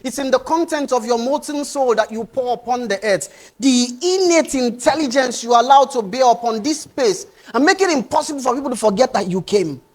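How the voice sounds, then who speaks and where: A middle-aged man giving a passionate motivational speech to young people, swinging between loud urging and quiet pleading. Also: extremely high pitch, animated, fairly quick, few pauses. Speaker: motivational speaker.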